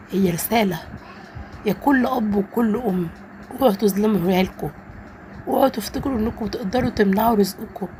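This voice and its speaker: A woman's voice: mid-range voice, a little mellow, slight background noise. A woman with an Egyptian Arabic accent, narrating a first-person story in an earnest, emotional way.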